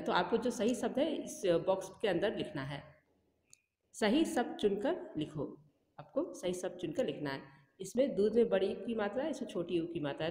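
A woman teaches a class through a workbook, speaking slowly and patiently and repeating each word. Her voice carries a long reverb, as if recorded in a bare, echoing room. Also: mid-range voice, darkish tone. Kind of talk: school lesson walkthrough.

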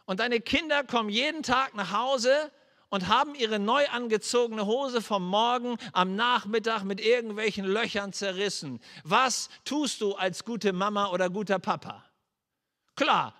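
A male pastor preaching a sermon, earnestly asking his listeners direct questions and turning soft and low as he leads into prayer. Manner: drops to a soft, low voice when leading into prayer. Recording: long hall reverb.

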